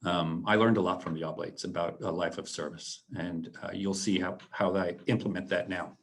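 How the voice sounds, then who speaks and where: A man in his late forties speaks to a school audience about his path and what he learned. His voice sits low. He talks earnestly but haltingly, filling pauses with ums and restarting sentences. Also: fairly even intonation. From San Antonio, Texas. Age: late 40s. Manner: earnest, reflective. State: a little choked up. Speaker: alumnus guest speaker. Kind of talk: presentation to students.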